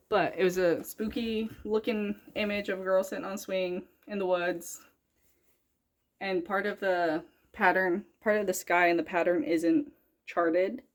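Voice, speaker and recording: A young woman talking casually about her cross-stitch projects, rambling and correcting herself as she goes. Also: medium pitch. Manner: chatty, rambling, self-correcting. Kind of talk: casual chat.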